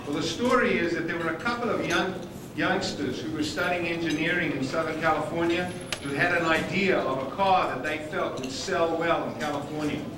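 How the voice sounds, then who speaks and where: Captured on old videotape from a distance, this South African conference speaker talks fairly quickly in a fairly high voice, hitting key words with emphasis. The large hall echoes, and dining sounds fill the noisy background.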